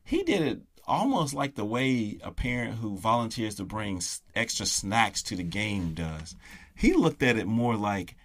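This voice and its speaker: A middle-aged man hosting a casual, confessional podcast monologue, stressing his words deliberately for emphasis. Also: fairly low pitch, sing-song. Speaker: podcast host, soccer parent.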